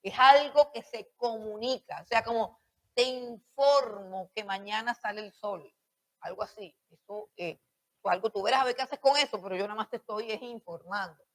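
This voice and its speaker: A woman's voice: fairly high pitch, moderate pace, fairly bright tone. A woman teaching a Bible school class on preaching, repeating her points and questioning her students.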